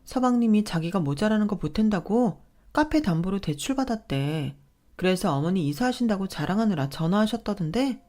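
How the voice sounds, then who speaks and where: A woman's voice: mid-range voice, expressive, a little fast, dark tone, lightly acted. A woman voicing a chatty, gossipy sister-in-law who passes on family news.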